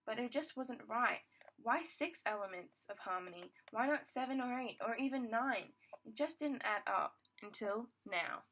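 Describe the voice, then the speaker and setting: A woman's voice: a little high, lively intonation, normal speed, fairly bright tone, poor audio. A young woman casually reading her own fan fiction aloud, stumbling and restarting lines as she goes. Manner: stumbling, rereads words, restarts sentences.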